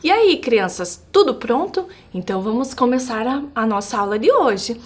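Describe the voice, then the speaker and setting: A woman with a Brazilian accent and a high-pitched voice leads a video lesson for young children. She has the cheerful manner of a kids show host, often turning to her listeners with little questions as she explains. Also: big pitch swings, normal speed, soft background music. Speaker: primary school geography teacher.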